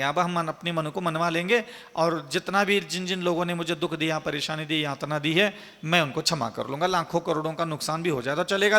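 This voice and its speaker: A man's voice: high voice, sharp tone, long reverb tail. A man, a monk, giving an emphatic, repetitive sermon full of rhetorical questions. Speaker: Jain monk giving a discourse.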